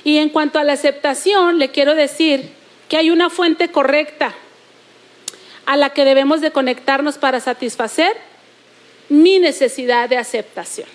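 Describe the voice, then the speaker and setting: A woman with a Mexican accent preaching a sermon, repeating phrases and slowing down to stress her points. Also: high voice.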